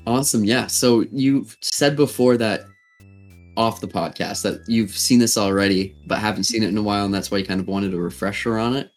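Low-pitched male podcast host. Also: fairly even intonation, brisk, soft background music. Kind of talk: casual chat.

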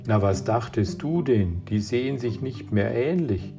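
A man's voice: mid-range voice, lively intonation, unhurried, music in the background. A man reading aloud as a teenage boy who leads his friends, urging and reassuring.

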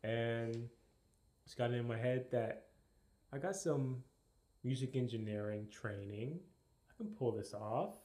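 A man appearing as a guest on a podcast, chatting casually and explaining things in a relaxed way. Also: mid-range voice, measured pace, long pauses. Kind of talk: casual chat.

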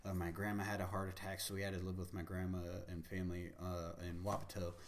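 A man's voice: sits low, completely flat delivery, quick pace, slight background noise. An American man from the Pacific Northwest telling personal stories in casual conversation, candid, slangy and profane. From United States, Pacific Northwest. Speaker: guest.

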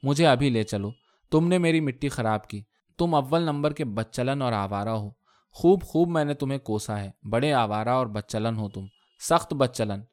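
A man's voice: mid-range voice, a little mellow, close to an everyday voice. A man voicing an emotional young bride who scolds her husband with impassioned pleas, in a read-aloud story. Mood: scolding.

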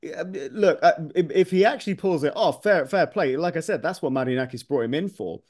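Animated man hosting a football podcast. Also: on the high side, a little fast. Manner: animated, opinionated. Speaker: podcast host. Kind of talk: casual football chat.

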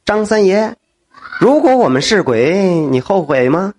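Man playing a cheeky ghost servant, grinning, fawning, husky. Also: high-pitched, big pitch swings, unhurried, a little mellow, full character voice.

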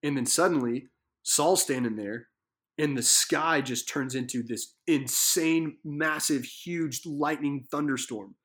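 A man's voice: fairly high pitch, slow pace, fairly bright tone. Earnest man teaching a Bible passage. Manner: earnest, vivid storytelling with many fillers. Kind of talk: casual devotional teaching. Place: living room.

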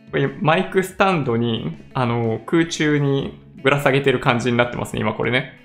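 With faint music behind him, a vlogger talks to camera in an empty room he's newly moved into, the bare walls making his voice echo. His voice is mid-range at a moderate pace, and his manner is relaxed and chatty, with plenty of laughter. He's recorded on a stand-mounted condenser mic.

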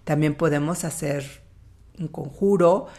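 Female host, Latin American Spanish accent. Deep register, gravelly edge, informal spiritual teaching, unhurried and deliberate. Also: dark tone. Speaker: host of a spiritual talk series. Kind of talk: informal spiritual talk to listeners.

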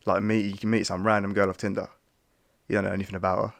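A man's voice: fairly low pitch, little pitch movement, quick pace, gravelly, no echo. A young man, co-hosting a podcast and telling stories in a laid-back, slangy way. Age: young adult. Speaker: podcast co-host. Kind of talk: casual chat.

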